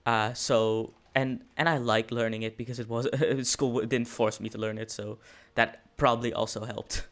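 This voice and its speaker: A man's voice: mid-range voice, flat delivery, moderate pace, fairly bright tone. A teenage man from the Netherlands with a Dutch accent, chatting casually in English with many hesitations and restarts. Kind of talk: casual chat.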